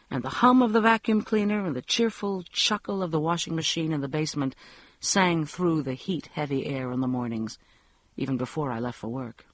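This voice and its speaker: A man narrating a first-person novel, reading expressively with shifting pace and loudness. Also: on the high side, no echo. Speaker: audiobook narrator.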